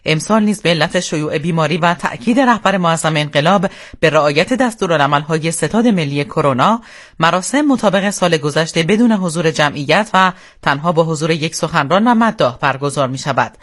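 An Iranian man delivers a radio bulletin as a solemn, formal newsreader. His voice sits a little high for a man. The reading is scripted and measured in tone, as heard from a studio. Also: animated, a bit bright.

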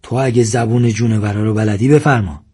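This is an audiobook figure: a hot-headed village man who confronts and accuses, his voice husky and pushed a little higher than the reader's own, as a man acts him out. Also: fairly even intonation. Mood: tense. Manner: accusing, shouts at times.

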